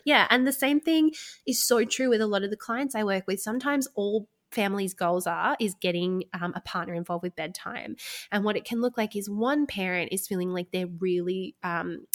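A woman in her thirties talks through parenting advice on a podcast, relaxed and conversational. Her voice sits in the middle of the range, and she laughs easily between points. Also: medium pitch, normal speed. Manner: chatty, warm advice-giving with fillers and laughs. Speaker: podcast co-host, sleep consultant. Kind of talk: casual podcast chat.

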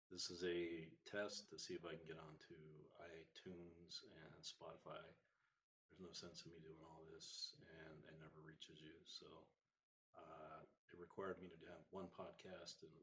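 A man, an emergency doctor, introducing his podcast in a casual, halting way, his voice muffled by a sore throat. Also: rumbling low, level tone, a bit bright, slight background noise. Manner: halting, many fillers. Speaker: emergency physician hosting a podcast.

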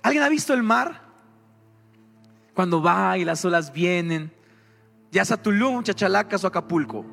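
A man preaches with a high, lively voice, firing questions at his congregation. Soft music plays faintly behind him. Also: big-room sound. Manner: animated, asks the congregation questions. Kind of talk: sermon.

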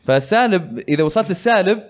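A man's voice: sits high, expressive, very fast. A man hosting a casual gaming podcast, talking in a rambling way with many fillers. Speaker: podcast host.

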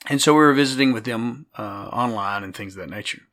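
A man in his late forties, hoarse and gravelly today, co-hosting a casual podcast and rambling with many fillers. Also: medium pitch, quick pace, a bit bright. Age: 40s. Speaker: podcast co-host.

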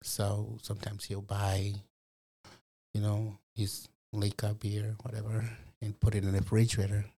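In a personal testimony interview, a Malawian man who is a program resident guest thoughtfully recounts his life, peppering it with fillers like "you know." His voice is on the low side, dark and husky, delivered completely flat at a moderate pace.

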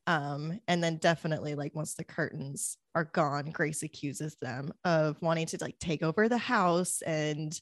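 A young woman with a notably low voice chats casually about a movie she watched. She retells scenes eagerly, slipping into quick bits of dialogue and peppering her talk with likes. The sound is dry and close, with no room around her. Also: dry recording. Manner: animated retelling, acts out quotes, frequent likes. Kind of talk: casual chat about a film.

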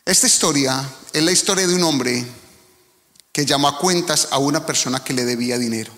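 Addressing the congregation directly, a Colombian-accented man delivers an earnest, emphatic sermon as their pastor. He talks a little fast at a medium pitch with a sharp tone, and the recording carries long hall reverb.

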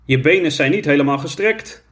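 A man voicing a calm, easygoing drifter in a children's story. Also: a little high, brisk.

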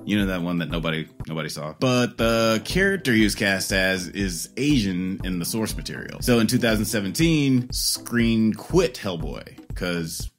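A man with a fairly low voice delivers opinionated video commentary over faint music. He is wry and sardonic, swears freely, and sounds like he is reading a script he wrote for a review. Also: very animated, moderate pace, hardly any pauses.

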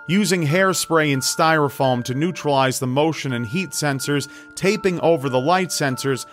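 A man's voice: medium pitch, fairly bright tone. A man reading scripted narration in the style of a true crime list video. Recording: music behind the voice. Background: background music.

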